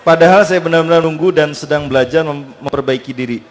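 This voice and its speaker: A man's voice: fairly high pitch, fast talker, a little hiss or hum. A man reading a question aloud to a preacher, polite and a little hesitant.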